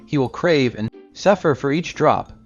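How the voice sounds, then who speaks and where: A man's voice: medium pitch, lively intonation, moderate pace. A man voicing menacing, mocking village bullies who threaten the old man. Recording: slightly dull recording with soft music.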